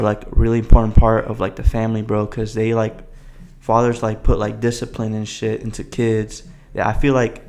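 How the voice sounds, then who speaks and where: Young man with a gravelly, creaky voice. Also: fairly low pitch, a little mellow. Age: young adult. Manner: heavy slang and swearing. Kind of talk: casual podcast chat.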